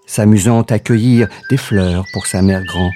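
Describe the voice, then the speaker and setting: A man reading a fairy tale aloud as a storyteller. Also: lowish voice. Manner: slow, lively storybook narration. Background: soft music.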